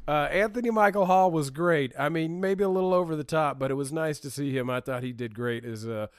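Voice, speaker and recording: A man's voice: on the high side, brisk, clear, resonant tone, no room sound, clean studio sound. A man co-hosting a podcast, talking casually and enthusiastically, laughing easily. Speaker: podcast co-host. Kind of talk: casual chat.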